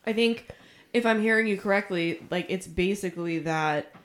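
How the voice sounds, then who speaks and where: A woman's voice: mid-range voice, normal speed. Rambling woman chatting about movies. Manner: rambling, swears casually, loses her thread. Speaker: podcast co-host. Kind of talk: casual movie chat.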